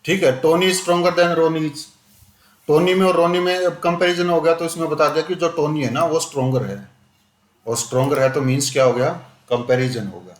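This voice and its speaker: A man leads a grammar class, pressing students with questions and drawing examples out slowly. His voice sits a little high for a man. The room rings with a hard echo. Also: fairly even intonation. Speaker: teacher. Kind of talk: classroom grammar lesson in Hindi and English. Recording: echoey classroom.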